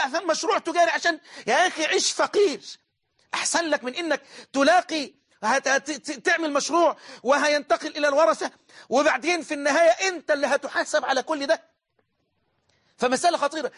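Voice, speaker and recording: A man's voice: very high-pitched, fairly bright tone. A man with an Egyptian Arabic accent preaching a religious sermon, emphatic and repeating phrases for stress.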